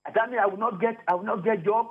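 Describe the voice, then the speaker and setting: A man's voice: high voice, fast, husky. A Nigerian man phoning into a talk radio show as a caller, talking emphatically and often repeating and restarting his phrases. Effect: radio show caller over a phone line. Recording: tinny phone line.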